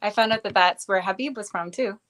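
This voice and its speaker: A young woman, a guest in an interview, telling her life story in a hesitant, casual way with many pauses and restarts. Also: mid-range voice, a bit bright. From grew up in Bangladesh, later Canada.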